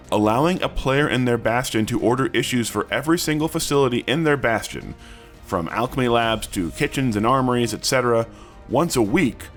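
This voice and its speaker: Male news host, scripted narration in a middle-pitched voice, music bed behind. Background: background music.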